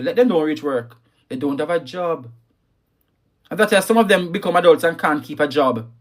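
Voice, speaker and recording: A man's voice: sits high, fairly bright tone. A man hosting a live talk on parenting, emphatic and scolding, repeating his key lines and reading viewer comments. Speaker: livestream host.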